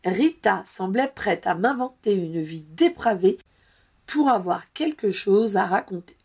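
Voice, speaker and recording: A woman's voice: mid-range voice, lively intonation, measured pace, a little mellow, husky. A woman reading the lines of a modest, dutiful young man, an Auror, earnestly and plainly.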